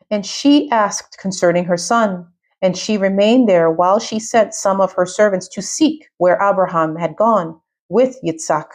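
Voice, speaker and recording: A woman reads scripture aloud in a measured, steady way. Her voice sits at an ordinary middle pitch and keeps an even pace through the passage. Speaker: scripture reader. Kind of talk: scripture reading.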